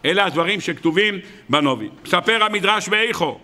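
A man's voice: sits high, animated, bright, forceful tone, long reverb tail. A man, a rabbi, giving a religious lesson, telling stories and citing sources as he goes. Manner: storytelling teacher, acts out quotes, cites sources.

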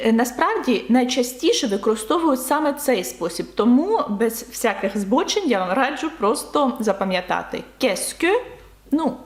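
A woman gives a language lesson, calmly explaining and repeating each example phrase. Her voice sits a bit high and moves up and down a lot. The room around her gives back a clear echo. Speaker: French teacher.

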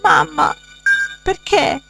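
A woman voicing a frightened little girl who pleads with her parents in a high, breathy voice. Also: extremely slow, fairly bright tone, faint music behind, full character voice. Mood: frantic.

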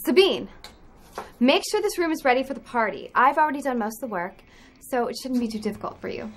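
An actress playing a young sorority head who gives impatient, commanding orders. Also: female voice, high voice, lively intonation, fast talker, a little hiss or hum. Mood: bossy. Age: young adult. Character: bossy young woman, snappish sorority head.

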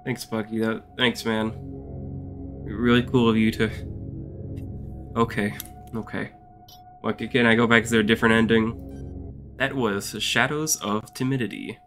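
A chatty man talks through a horror game, his voice bright and forceful with a lowish pitch. He rambles casually and breaks into loud, excited reactions when something happens. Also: unhurried, pauses often, soft background music. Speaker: gaming video host. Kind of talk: casual gameplay commentary.

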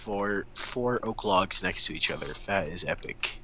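A man's voice: deep voice, lively intonation, normal speed, pushed and bright, highs cut off, slight background noise. A young man casually commenting on a block-building game while teasing his friend. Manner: teasing, playful banter. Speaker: gaming co-host.

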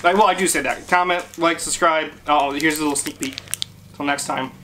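Casual dad hosting a family vlog. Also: male voice, on the high side, fairly even intonation, fairly quick, sharp tone, slight background noise. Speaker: YouTube host and father. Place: living room, indoors. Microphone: camera mic a few feet away.

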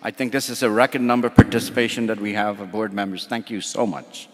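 A man's voice: lowish voice, fairly even intonation, quick pace. A man giving an upbeat commencement address as campus chancellor, speaking directly to the audience from a podium. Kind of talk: formal speech with audience engagement. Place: large auditorium stage. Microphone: podium microphone. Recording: long hall reverb with crowd.

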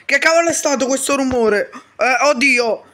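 High, bright-voiced man doing comedy. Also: slight background noise. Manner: quick bickering, swearing, shouty outbursts. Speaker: YouTuber voicing all characters. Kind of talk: comedic game role-play.

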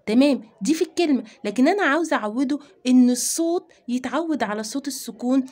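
A woman's voice: high-pitched, expressive, darkish tone. Egyptian woman teaching children to read. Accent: Egyptian Arabic. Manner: explains step by step, asking and answering her own questions; sounds out letters slowly and drawn out. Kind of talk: children's reading lesson.

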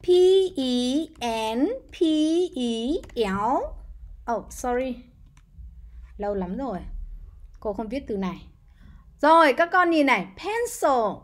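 A woman's voice: on the high side, lively intonation, takes it slowly, pauses often. A woman teaching English words to young children, spelling each one letter by letter and coaxing them to repeat after her. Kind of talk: slow, patient spelling lesson.

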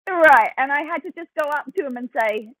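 A woman's voice: high voice, fairly quick, dry recording, low-quality recording. A woman with an Australian accent, a podcast guest chatting casually, laughing often and poking fun at herself. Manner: laughs often, animated and self-mocking. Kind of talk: casual chat.

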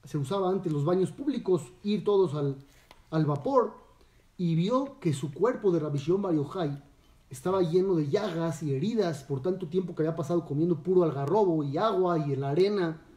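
A rabbi tells the story of a Torah lesson in an animated way at normal speed, checking in with listeners through questions. His voice sits high but mellow, heard from a distance in an echoey room.

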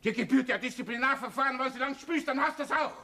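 An actor playing an older Austrian police chief in a TV crime drama, reprimanding and giving orders in a berserk rage. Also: male voice, high-pitched, animated, a little fast, pushed and bright. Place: office set. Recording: noisy old television soundtrack.

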